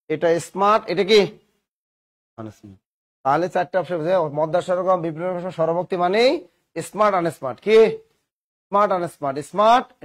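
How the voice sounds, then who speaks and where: A man teaching grammar in a classroom lesson, asking questions and answering them himself with playful examples. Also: high voice. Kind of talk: classroom lesson with call-and-response.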